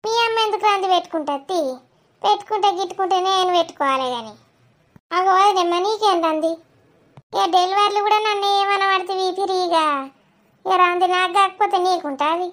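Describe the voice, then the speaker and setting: A woman's voice: very high-pitched, a bit bright. A woman with a Telangana accent performing a chatty, scolding village family comedy skit. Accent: Telangana Telugu.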